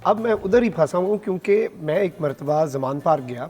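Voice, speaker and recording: A man's voice: on the high side, lively intonation, darkish tone. A man from Pakistan hosting a casual interview, asking questions and telling light anecdotes in a friendly, chatty way. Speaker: host.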